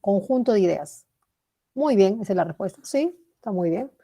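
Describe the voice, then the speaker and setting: A woman's voice: mid-range voice, lively intonation, normal speed, mellow, a little hiss or hum. A woman teaching a language class, explaining step by step, praising students by name and checking in with "¿verdad?". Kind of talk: online class lecture.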